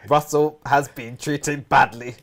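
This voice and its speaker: A man putting on a flat, slow robot voice to read comments aloud. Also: mid-range voice. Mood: deadpan. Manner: slow halting deadpan. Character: flat monotone male robot.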